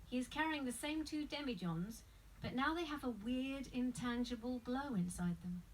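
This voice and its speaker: A woman's voice: high voice, animated, normal speed, recorded from a distance, rough recording. A woman reading scripted stage directions as the narrator of a screenplay table read.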